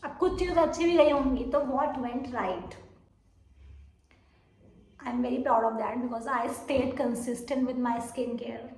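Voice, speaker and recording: A high-voiced young woman rambles through a casual vlog update while she is feeling unwell. She pokes fun at her own muddled talk and keeps losing her thread. The room around her is noticeably echoey. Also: a little mellow. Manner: rambling, self-mocking, mixes Hindi and English; says she talks very fast. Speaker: vlogger.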